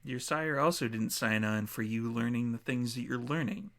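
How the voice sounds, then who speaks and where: A man's voice: medium pitch, normal speed, a bit bright, close to an everyday voice. Man playing a condescending vampire patron. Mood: haughty, dry. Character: haughty, exacting male vampire patron. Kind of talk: tabletop role-play acting.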